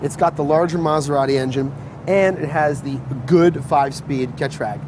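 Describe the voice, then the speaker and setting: A man's voice: a little high, moderate pace. A man talking casually as a guest about his car, rambling through explanations with fillers, recorded outdoors on a street. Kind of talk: casual chat. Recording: noisy outdoor street sound.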